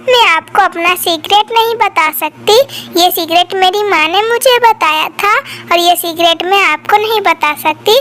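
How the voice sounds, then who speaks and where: A woman's voice: very high-pitched, fairly bright tone. A woman voicing a polite, hardworking female sparrow in a cartoon story, speaking in an earnest, courteous way. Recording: echoey recording with music behind.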